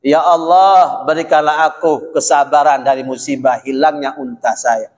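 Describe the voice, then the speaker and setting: A man preaching a mosque sermon in Madurese-accented Indonesian, animated and addressing the congregation directly. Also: on the high side, normal speed. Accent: Madurese-influenced Indonesian. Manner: animated, addresses listeners as "Pak", mixes Arabic prayers in. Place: mosque hall. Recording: long hall reverb.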